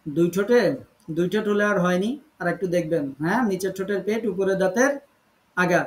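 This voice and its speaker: High-voiced man teaching Quran recitation. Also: roomy sound. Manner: patient, repeats corrections, models pronunciation slowly. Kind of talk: online class correcting students.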